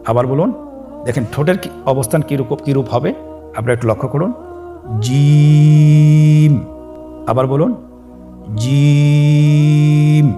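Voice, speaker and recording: A man's voice: mid-range voice, expressive, darkish tone. Male Quran teacher, patient call-and-repeat drills, faint music underneath. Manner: slow call-and-repeat drilling, drawn-out sung letter names. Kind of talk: step-by-step Arabic letter lesson.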